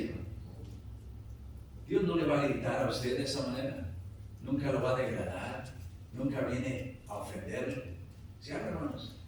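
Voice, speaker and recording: A medium-pitched pastor preaches to his congregation in a church sanctuary, captured from afar in a very echoey hall with a light hiss or hum. His emphasis keeps rising, and he calls out "hermanos," meaning "brothers," over and over.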